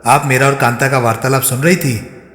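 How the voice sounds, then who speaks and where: A man reading the part of a bold, steady-voiced reporter in an audiobook. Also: medium pitch, fairly quick, close to an everyday voice. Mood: confident. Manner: steady, confident. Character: bold, smooth-talking male reporter. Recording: roomy echo, long reverb.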